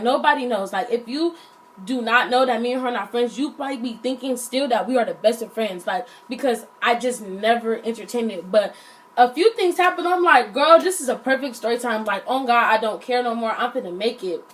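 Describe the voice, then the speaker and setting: A young woman tells a casual storytime. She is slangy and animated, and she acts out the quotes. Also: on the high side, slight background noise, low-quality recording. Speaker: vlogger.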